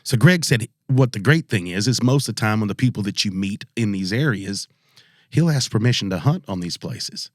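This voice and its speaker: A man's voice: lowish voice, expressive, moderate pace, dry recording, clean studio sound. A man hosting a podcast in casual chat, jokey and slangy, laughing easily.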